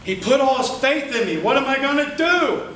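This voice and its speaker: A man's voice: extremely high pitch, expressive, very echoey. Male storyteller, folksy comic tall tale, theatrical delivery; distant mic in a noisy room. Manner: theatrical, with dramatic pauses and exclamations. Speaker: contestant in a tall tales speech contest. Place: indoor room with a live audience.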